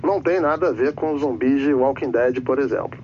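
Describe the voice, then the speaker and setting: A man's voice: mid-range voice, a little fast, a little mellow, lo-fi sound, slight background noise. An actor playing a male airline captain who talks over the cabin intercom in a formal announcer tone, drifting into endless trivia. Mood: formal, rambling. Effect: pilot speaking over the cabin intercom. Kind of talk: comedy sketch.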